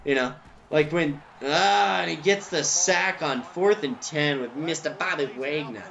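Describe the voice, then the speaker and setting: A man's voice: fairly high pitch, measured pace, vocal fry, fairly bright tone, lo-fi sound. A man giving casual, rambling commentary over a video game, full of ums and side tangents, recorded at home. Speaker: gameplay commentator. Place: at home, neighbor's music nearby.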